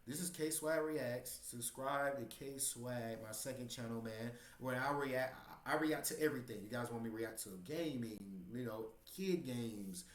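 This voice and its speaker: A man's voice: mid-range voice, moderate pace, hardly any pauses. A man hosting a casual reaction vlog, rambling and stumbling over his words with lots of fillers, recorded in a room with noticeable echo. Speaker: reaction channel host. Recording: roomy echo.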